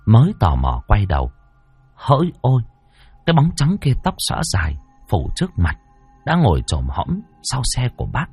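Man, ghost story narration, very lively pitch, husky, dry close sound. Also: normal speed, dry recording, soft background music. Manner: dramatic, expressive. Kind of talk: spooky folk tale narration.

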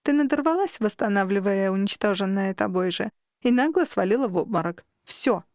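A woman voicing a sarcastic, sharp-tongued female monster with claws in an audiobook, mocking and tart. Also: on the high side, animated, moderate pace, no room sound, clean studio sound, close to an everyday voice. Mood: bored. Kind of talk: audiobook character reading.

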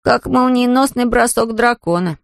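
A woman voicing a curious young boy in an audiobook, speaking slowly and drawn out. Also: on the high side, fairly even intonation, vocal fry, a little mellow, no room sound, studio quality, voice pushed up.

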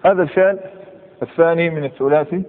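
A man with an Algerian Arabic accent teaching grammar in a classroom lecture, quizzing students and reciting verb patterns slowly. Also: a little high. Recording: tinny, echoey hall recording.

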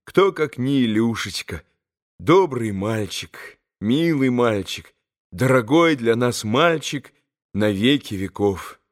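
A man voicing a gentle, earnest young man giving a tender speech in an audiobook. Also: mid-range voice, lively intonation, slow. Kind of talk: audiobook character reading.

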